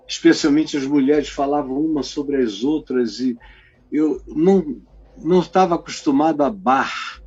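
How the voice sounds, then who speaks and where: A man's voice: fairly high pitch, husky, muffled recording. Older man from the Amazon, preaching. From Amazonas, Brazil. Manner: conversational, animated, drops to a whisper to make a point. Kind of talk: devotional talk. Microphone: phone microphone.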